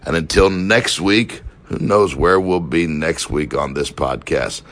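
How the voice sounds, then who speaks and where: Very deep-voiced male podcast host. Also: fairly bright tone. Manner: fast, loose outro with fillers. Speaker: podcast host, success coach. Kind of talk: podcast hosting and promotion.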